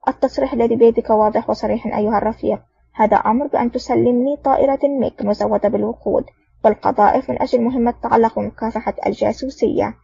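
A woman voicing a daring male secret agent, calm and self-assured. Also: on the high side, rapid-fire, gravelly, slightly rough, dry recording, full character voice. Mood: cool. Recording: dull lo-fi audio.

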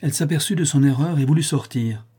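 A man narrating an audiobook of a classic tale in a measured, literary way. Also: on the high side, mellow, husky.

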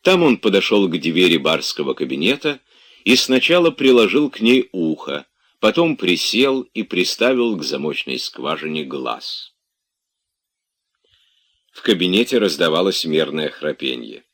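A man with a very low voice reads a classic novel aloud. His narration is measured and expressive, steady in its storytelling pace.

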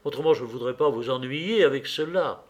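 A man's voice: medium pitch, fairly quick, darkish tone, lightly acted. A man reading aloud, voicing a charming, coldly commanding young man in an audiobook. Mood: breezy. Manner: pressing, then lightly casual with the servant.

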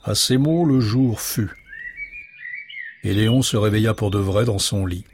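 A man narrating a children's bedtime story in a gentle, measured way. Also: fairly low pitch. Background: music.

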